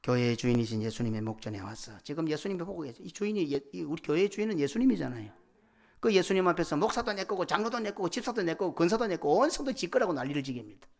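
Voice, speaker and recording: A middle-aged man preaching a sermon as senior pastor, swinging from loud cries to hushed whispers. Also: on the high side, lively intonation, very fast. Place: church sanctuary.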